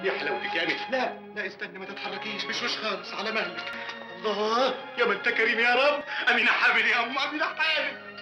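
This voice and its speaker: An overjoyed husband with an Egyptian accent who calls out and gushes in a high, rushing voice. Film music plays behind him. It plays as classic Egyptian cinema. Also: male voice, poor audio. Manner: exuberant, shouting his wife's name, gushing. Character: overjoyed husband, expecting his first child.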